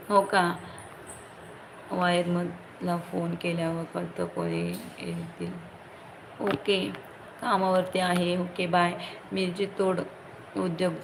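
A woman hosting a casual live stream, greeting viewers by name and asking everyone to like the stream. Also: on the low side. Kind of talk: casual live-stream chat reading comments. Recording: faint background noise.

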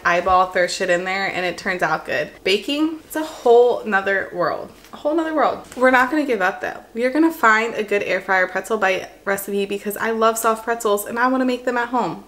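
A young adult lifestyle vlogger, recorded close up on camera, talks her way through a bake-along in her home kitchen. Her voice is mid-range and fairly bright, and she chats casually, thinking aloud and poking fun at herself.

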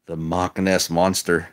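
Low-voiced guy unboxing toy cars at home, wry muttering asides, phone cam. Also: a bit bright. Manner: chatty, wry and self-mocking, muttering asides. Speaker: toy collector vlogger. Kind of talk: casual unboxing commentary. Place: indoors at a table, filming toys close up.

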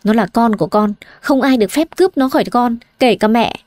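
A woman's voice: on the high side, fairly quick, darkish tone, dry recording, natural voice. A woman voicing a meek, downtrodden young wife who pleads for her child. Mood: pleading. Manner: subdued, pleading.

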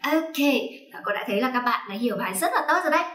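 A woman's voice: on the high side, animated, racing, sharp tone, reverberant, faint music behind. A woman teaching English pronunciation to parents and children, coaxing and checking along as she goes. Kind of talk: online phonics lesson for parents and children.

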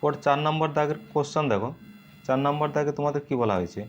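A man's voice: on the high side, fast talker, a little hiss or hum. Man teaching syllables, dull lo-fi sound. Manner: breaks words into syllables, asks and answers his own questions. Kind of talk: recorded video lesson.

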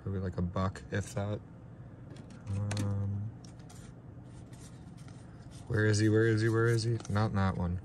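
Stuffed up young guy opening hockey cards in his room, kinda low voice, background hiss. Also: level tone, a little slow, pauses often. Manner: unscripted, self-deprecating, mumbles names. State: stuffed-up nose. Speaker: card collector opening packs. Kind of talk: casual pack-opening commentary. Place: small room with a ring light.

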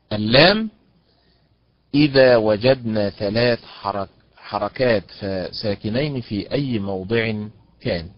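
A man's voice: mid-range voice, dry recording. A man teaching an online lesson on Quranic recitation stress, patiently drawing out example words and praising his students by name. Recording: dull, dry lo-fi online lecture audio.

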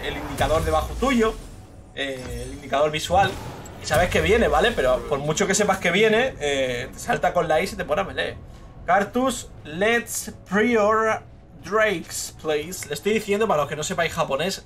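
A young man with a Spain Spanish accent giving live gameplay commentary, swearing freely and bursting into shouts at the big plays. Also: on the high side. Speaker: streamer. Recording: game music clearly behind the voice.

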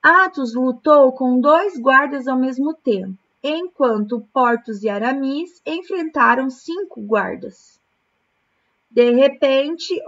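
A woman from Brazil, a primary school teacher, correcting exercises in a remote lesson, explaining words slowly, syllable by syllable. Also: sits high, pushed and bright, dull audio. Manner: slow, patient, syllable-by-syllable explanation.

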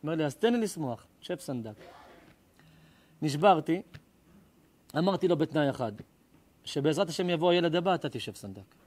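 A middle-aged rabbi with a rather high voice preaches an emotional, story-filled sermon to a live audience. Animated and passionate, he pauses often and leaps from near-shouts down to soft, intimate lines.

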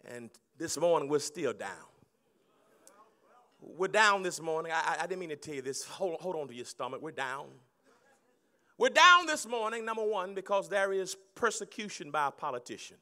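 A middle-aged man preaching a sermon on a handheld mic in a large banquet hall, moving between hushed storytelling and loud shouting. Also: a little high, very animated, moderate pace. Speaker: pastor.

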